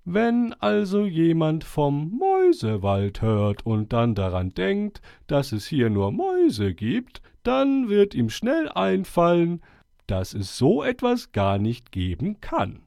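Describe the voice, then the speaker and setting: A man voicing a wise, friendly old male owl who chairs a forest meeting, speaking slowly and stately with hooting calls. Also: fairly high pitch, huge pitch swings, vocal fry, mellow, no room sound, clean studio sound, voice pushed up, heavily acted. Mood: calm. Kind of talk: storybook character voice.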